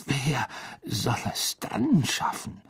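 A man's voice: mid-range voice, wildly swooping pitch, drawn-out words, gravelly, husky, pitched above the performer's own voice, exaggerated voice. A man doing a nervous, flustered minister. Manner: nervous, placating. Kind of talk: audiobook reading.

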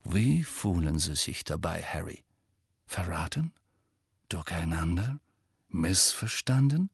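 A man's voice: medium pitch, very animated, measured pace, dry recording, voice pushed up. A man voicing a sly, gossipy middle-aged female tabloid reporter with a wheedling, insinuating manner, in a dry close recording. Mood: scheming. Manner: wheedling, insinuating, mock-sweet.

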